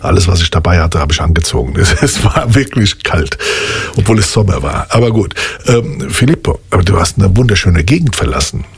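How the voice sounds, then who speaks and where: A man hosting a casual radio interview, talkative and quick to laugh. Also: low voice, vocal fry, husky, no echo. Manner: lively, talkative, laughs often. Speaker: radio host.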